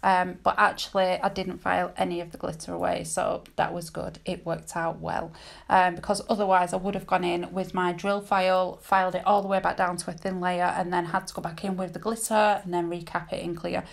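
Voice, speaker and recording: Creaky-voiced British woman, chatty and rambling. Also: lowish voice, level tone, brisk. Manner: rambling, self-interrupting, candid. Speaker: nail technician and tutorial host. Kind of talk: casual chatty voice-over tutorial. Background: dogs barking at times.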